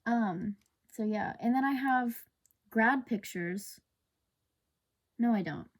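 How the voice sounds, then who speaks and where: A young woman talks slowly in a slightly high voice, hosting a casual solo podcast into a sensitive desk microphone. She rambles self-consciously, her speech packed with fillers.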